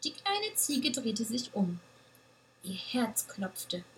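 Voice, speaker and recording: A woman reading a children's story aloud with a gentle, expressive manner. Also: fairly high pitch, takes it slowly, slight background noise, rough recording.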